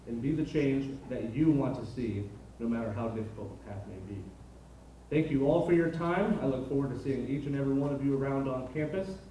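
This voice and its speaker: A man's voice: mid-range voice, warm tone. Echoey young man giving a motivational speech. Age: young adult. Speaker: student body president addressing freshmen. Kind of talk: prepared motivational speech to an audience. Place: large auditorium. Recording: very echoey hall, distant, faint noise.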